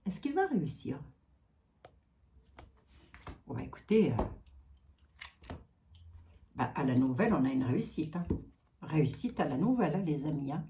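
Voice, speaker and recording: Woman, card reader, casual chat to viewers, lively pitch, lower voice. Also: a little slow, pauses often. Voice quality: chatty, talks to viewers, many asides and "hein". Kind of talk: casual card-reading livestream.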